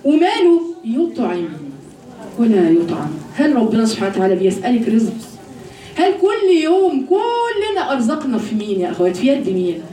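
A woman with an Egyptian Arabic accent giving a religious lesson to women, full of rhetorical questions and slowing down to recite verses. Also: high-pitched, big pitch swings, mellow. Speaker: religious teacher addressing women. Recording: roomy echo, voice from a distance.

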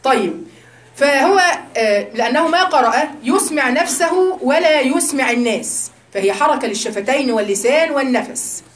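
Egyptian lady teaching a religion class, high voice, teasing and chatty, echoey room. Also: normal speed. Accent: Egyptian Arabic. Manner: lively, teasing, conversational. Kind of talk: religious lesson to women.

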